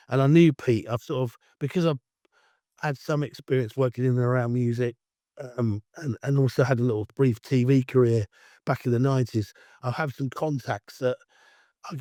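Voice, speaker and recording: A middle-aged Essex man speaks with a croaky, allergy-roughened voice, chatting on as an interview guest. He rambles freely and calls himself the loudmouth. The sound is dry and close, with no room echo. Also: medium pitch. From Essex, England. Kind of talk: casual interview chat.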